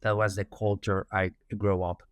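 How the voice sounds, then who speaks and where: A man from Spain with a Spanish accent, a youth soccer director answering interview questions in a measured way with many fillers. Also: fairly low pitch, flat delivery, dry recording, clean studio sound.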